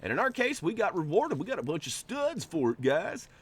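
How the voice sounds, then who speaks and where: A channel host with a nasal, allergy-stuffed voice gives chatty, joking gameplay commentary full of rambling asides. His voice is high-pitched and breathy at the edges, moving briskly with huge swings in pitch.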